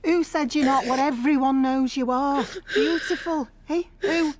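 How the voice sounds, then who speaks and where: A woman's voice: sits high, very slow, a little hiss or hum. A soothing, reassuring woman. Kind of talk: TV drama acting.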